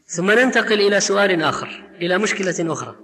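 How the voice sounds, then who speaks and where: A man preaches in a religious lecture with a notably high voice, earnest and emphatic, often posing rhetorical questions to his listeners. His words ring out with a long reverb, as if in a large hall. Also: lively intonation, fast, fairly bright tone.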